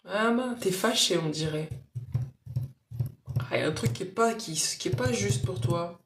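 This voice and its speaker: A woman's voice: medium pitch, moderate pace, reverberant. A woman giving spiritual readings on a casual live stream, speaking directly and coaxingly to viewers by name.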